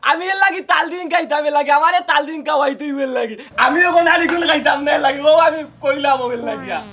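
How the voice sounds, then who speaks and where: A man doing a shrill wailing man-child. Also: quick pace, fairly bright tone. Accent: Sylheti. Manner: wailing, pleading, sobbing demands. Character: whiny childish grown son craving treats. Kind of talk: comedic village drama acting.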